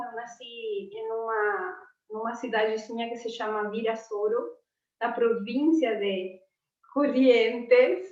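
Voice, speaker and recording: A woman, a teacher chatting warmly on a video call, laughing often. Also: on the high side. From Argentina. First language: Spanish. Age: 40s. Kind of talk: casual chat on a video call. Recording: roomy, distant, dull sound.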